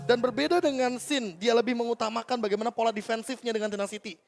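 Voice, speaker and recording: A man's voice: very high voice, fairly even intonation, quick pace, gravelly, faint music behind. An Indonesian man giving emphatic, explanatory analysis as a live esports commentator.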